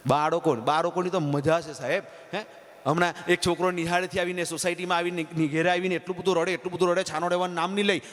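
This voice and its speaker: A man's voice: high voice, flat delivery, fast, fairly bright tone. A man, a comedian telling folksy jokes to a live audience and acting out the people in them. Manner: folksy joke-telling, acting out phone calls and children in changed voices. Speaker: stand-up comedian at a folk stage show. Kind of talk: live comic storytelling to an audience. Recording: live stage sound with long hall reverb and faint music.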